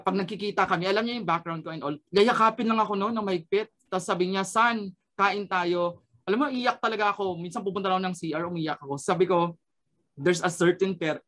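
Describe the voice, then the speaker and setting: A man's voice: high-pitched, a bit bright. A man sharing an earnest personal testimony as a radio program guest, switching between Tagalog and English and often adding a questioning "no?".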